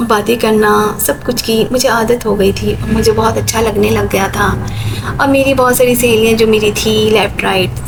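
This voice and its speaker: A woman's voice: fairly high pitch, noisy background. Woman telling a first-person story. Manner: plain, conversational retelling.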